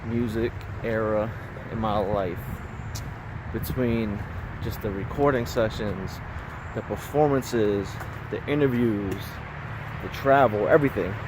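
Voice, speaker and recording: A man in his thirties vlogs casually while walking outdoors on a busy street, slightly out of breath, rambling and chatting with small laughs between thoughts. His voice is on the low side, and the recording picks up loud traffic and wind noise.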